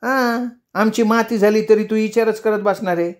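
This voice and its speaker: A man's voice: sits high, fairly even intonation, moderate pace, pitched above the performer's own voice, close to an everyday voice. A male storyteller voicing a quarrelsome village woman, the hero's elder sister, with a scolding, taunting manner. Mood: indignant.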